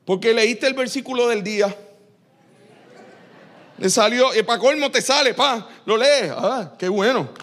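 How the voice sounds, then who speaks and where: A man preaching a lively, joking sermon in church, teasing his congregation with quick asides. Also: very high-pitched. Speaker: pastor.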